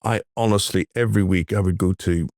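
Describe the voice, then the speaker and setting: A middle-aged man, co-hosting a casual podcast in an easygoing, halting way. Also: deep voice, steady tone, darkish tone, dry recording, studio quality. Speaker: podcast co-host. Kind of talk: casual chat.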